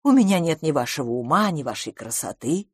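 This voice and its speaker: A timid middle-aged spinster, as a woman narrator puts her on pleads earnestly in a low, hushed voice. Her tone sits a little deep and is recorded close and dry. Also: big pitch swings, brisk, husky, no echo, heavily acted. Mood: pleading.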